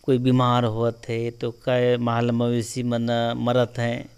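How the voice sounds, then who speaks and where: A man with a Chhattisgarhi accent telling a local folk legend in a casual, animated way, often filling with "jo hai na". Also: medium pitch, slow pace, clear, resonant tone. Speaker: storyteller guest.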